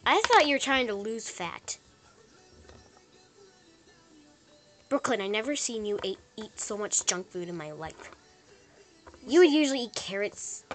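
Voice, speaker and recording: A woman voicing a bossy, teasing girl in a toy skit, blunt and quick to complain. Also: mid-range voice, animated, soft background music, lightly acted. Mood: scolding. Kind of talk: toy skit role-play.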